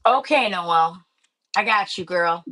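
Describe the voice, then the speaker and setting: A woman's voice: on the low side, animated, takes it slowly, bright, forceful tone, rough recording. A woman in her thirties hosting a live stream, chatting casually and joking around. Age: 30s. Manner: teasing, jokey. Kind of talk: casual chat.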